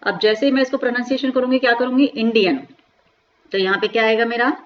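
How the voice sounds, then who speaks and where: A woman teaching English grammar in a lecture, asking rhetorical questions and slowly spelling out words. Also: fairly high pitch, steady tone, highs cut off. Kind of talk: classroom lecture explaining grammar.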